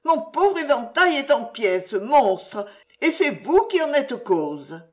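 A fiery, flirtatious widow, as a woman reads her, pitched well above the narration and swinging between coaxing sweetness and sharp indignation. Her voice climbs high and bright in a storybook reading. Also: sing-song, slow. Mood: indignant. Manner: pleading, then indignant and pouty.

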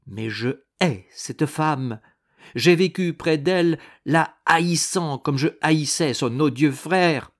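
A man's voice: medium pitch, animated, measured pace. A man doing a small secretive steward. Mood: earnest. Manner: earnest, eager to explain.

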